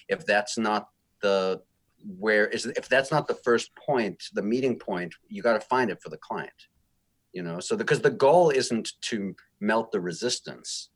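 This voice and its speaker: Low-voiced reflective man, music therapist. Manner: reflective, thoughtful, self-deprecating. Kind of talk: casual podcast interview.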